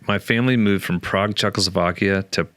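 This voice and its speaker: Brief: very low, resonant male guest, dry close sound, chatty storyteller who restarts his sentences. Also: quick pace, no echo. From Oklahoma, USA. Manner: animated, many restarts and fillers. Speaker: author and guest. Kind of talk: conversational storytelling interview.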